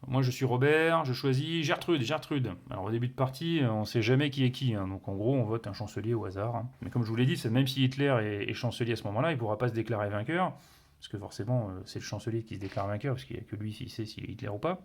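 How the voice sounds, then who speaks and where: Guy explaining a board game, lots of ums and restarts, tosses in little sound words, mid pitch. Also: quick pace. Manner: hesitant, many fillers and self-corrections; punctuates with playful sound words. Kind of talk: casual explanation of game rules.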